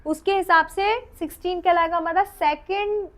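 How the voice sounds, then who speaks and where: A woman with an Indian accent gives an exam-oriented dental lecture in a very high voice. She reads English definitions slowly, then explains them in Hindi with questions to her students. While counting teeth she drops to a soft murmur. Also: fairly even intonation. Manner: counts teeth aloud while drawing, trailing off softly.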